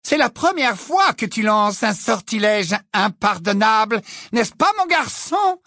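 A reader voicing a cruel, gloating witch who taunts and shouts in an audiobook. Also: high voice, animated, slow pace, no room sound, studio quality, voice pushed up, exaggerated voice. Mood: menacing taunts. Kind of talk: audiobook character voice.

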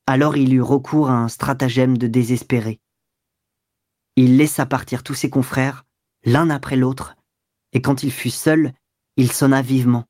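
Measured male audiobook narrator. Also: mid-range voice, dry recording, clean studio sound. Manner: steady, measured storytelling. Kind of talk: scripted literary narration.

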